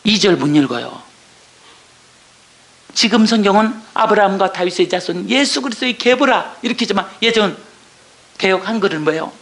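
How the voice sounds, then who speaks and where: A woman church deacon giving an emotional testimony, asking and answering her own questions and dropping to a hushed whisper for verses. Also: mid-range voice, expressive, normal speed, pauses often. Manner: drops to a hushed whisper when reading verses.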